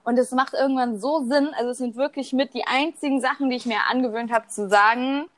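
Young woman, casual chat, animated and cheeky, slightly high voice, dry close sound. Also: brisk, no room sound. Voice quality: animated, laughs often, swears casually.

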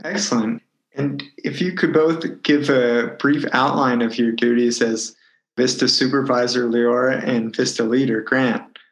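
A man asking interview questions in a measured way, as if reading from notes. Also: medium pitch, steady tone. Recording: echoey room sound.

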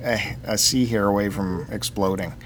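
A low-voiced man chats casually as a podcast co-host. His delivery is teasing and needling, like banter between friends, and a laptop fan hums behind him. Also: fairly even intonation, normal speed, slight background noise. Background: loud computer fan.

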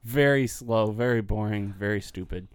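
A man's voice: lowish voice, normal speed, smooth, no room sound. A man co-hosting a podcast who makes blunt, dry remarks in casual chat. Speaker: podcast co-host.

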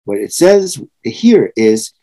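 A man's voice: medium pitch, sing-song, slow, mellow, low-quality recording. A sixty-year-old man from Trinidad and Tobago, preaching a sermon in an earnest, reflective way with emphatic swells. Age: 60s.

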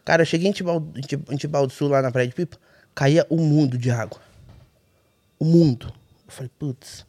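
Animated Brazilian man telling a story. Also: on the high side, brisk. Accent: Brazilian Portuguese. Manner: animated, colloquial, acts out dialogue in his story. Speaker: podcast guest, rally navigator. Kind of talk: casual storytelling.

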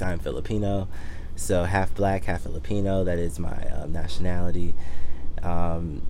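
A young man from Detroit talks through his solo podcast in a loose, rambling way, full of fillers and restarts. His voice sits very low and sounds mellow and dark. A faint hiss of noise runs under the recording. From Detroit, Michigan. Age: 20s. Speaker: podcast host. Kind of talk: casual solo podcast monologue.

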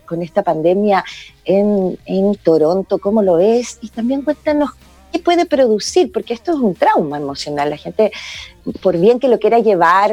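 A woman hosting a radio talk show on emotional health, speaking slowly and with effusive affection. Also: medium pitch, warm tone, no room sound. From Chile. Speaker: radio host.

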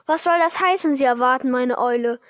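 A woman's voice: sits high, a little fast, a bit bright, clean tone, dry recording, clean studio sound. Woman reading a bewildered young boy. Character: bewildered eleven-year-old boy.

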